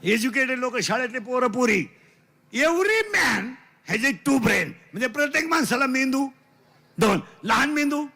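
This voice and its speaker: A man with a Marathi accent giving a comic devotional sermon, loud and teasing, quizzing his listeners in call-and-response and mixing in broken English lines. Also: extremely high pitch, creaky. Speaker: kirtan preacher.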